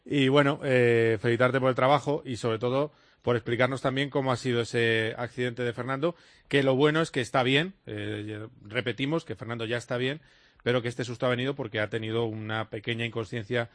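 A male radio sports host talks very fast in a dry studio sound. He steers the interview briskly, filling pauses with short hesitation sounds. His pitch sits in a middle range. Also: steady tone, no room sound. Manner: brisk, leading questions, many "eh" fillers.

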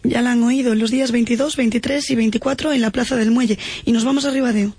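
A woman's voice: fairly high pitch, fairly even intonation, fast talker, noisy background. A woman with an accent from Spain reading a scripted news report as a radio reporter.

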